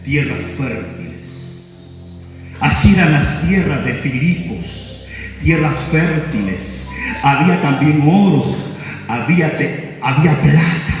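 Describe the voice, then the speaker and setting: A man with a Honduran accent preaching a sermon, rising into shouts and questioning the congregation. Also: fairly high pitch, lively intonation, unhurried. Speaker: pastor. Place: church hall. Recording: echoey church hall from far off, music behind.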